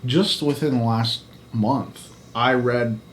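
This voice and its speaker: A man co-hosts a youth video series, trading dry, self-deprecating jokes. His voice sits at an everyday middle pitch. A faint hiss lies under the recording. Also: takes it slowly. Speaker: co-host, pastor. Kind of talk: casual banter over a game.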